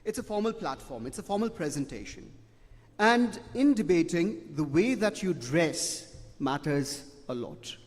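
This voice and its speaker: A man's voice: a little high, expressive, unhurried. A middle-aged man, giving emphatic, repetitive feedback as a debate judge and ending his points with "okay?". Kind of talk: spoken feedback to students. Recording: long hall reverb.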